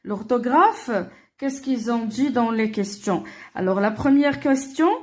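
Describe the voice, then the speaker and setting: A woman walking pupils through a French worksheet, slowly and deliberately, repeating each answer and filling pauses with "alors" and "euh". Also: fairly high pitch. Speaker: teacher. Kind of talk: worksheet walkthrough for primary pupils.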